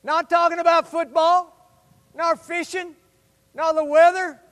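A man preaching a sermon as a pastor, fervent and exhortative, appealing directly to his listeners and swinging between loud emphasis and hushed asides. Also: extremely high pitch, little pitch movement, unhurried. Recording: hall reverb.

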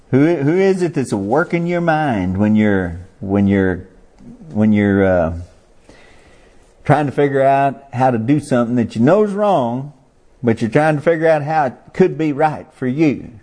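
Guy preaching, folksy, mellow dark voice, keeps asking the crowd questions. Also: mid-range voice. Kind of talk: sermon.

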